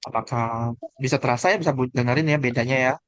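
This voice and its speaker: A man's voice: medium pitch, quick pace, fairly bright tone, dry recording. A man teaching a class the tones of Mandarin pinyin, explaining patiently and asking the students questions.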